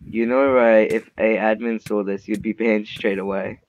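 A man's voice: fairly low pitch, fairly even intonation, normal speed. Trash-talking young man, muffled mic. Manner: swearing, trash-talking, teasing. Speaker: gamer recording a Minecraft video. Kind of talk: casual gaming chat. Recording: dull muffled mic with faint noise.

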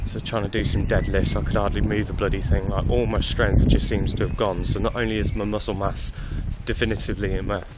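Young bloke rambling after a workout, lowish voice, phone vid outside, loud traffic noise. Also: male voice, flat delivery, a little fast, few pauses. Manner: chatty, rambling, candid. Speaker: fitness vlogger. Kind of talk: casual video diary. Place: outdoors at night on a street. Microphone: phone held at arm's length.

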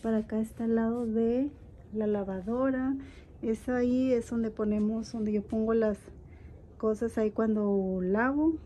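A middle-aged woman vlogger gives a casual home tour, walking through her house and yard, indoors and out, while filming on a handheld phone. Her voice sits on the high side, mellow and unhurried, with fairly even intonation and slight background noise. She's chatty and homely, talking straight to her viewers.

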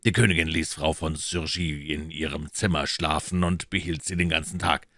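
A man voicing a cold, devoted nobleman agent who reports in curt, measured tones, in a storybook reading. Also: a bass voice, fairly even intonation, pushed and bright, dry recording, clean studio sound, exaggerated voice. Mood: secretive.

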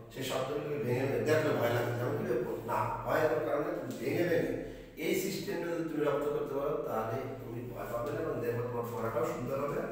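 A male English teacher with a Bengali accent and a mid-range voice teaches young pupils in a classroom. He repeats key points and models words slowly and in drawn-out fashion, his voice far from the mic in an echoey room.

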